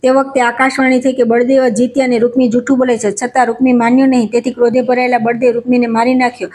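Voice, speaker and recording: Fast, level-voiced woman storyteller. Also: fairly high pitch, flat delivery, a little mellow. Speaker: katha storyteller. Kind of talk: devotional scripture narration.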